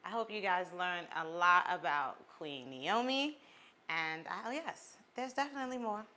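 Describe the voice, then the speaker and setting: Bright-voiced upbeat woman host. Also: on the low side, expressive. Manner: upbeat, chatty, quick to laugh. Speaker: show host. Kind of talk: casual interview chat.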